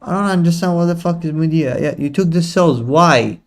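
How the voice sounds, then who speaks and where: A young host of a live trading stream gives casual commentary to his chat, full of slang and teasing aimed at viewers. His voice has a fairly high pitch and a moderate pace.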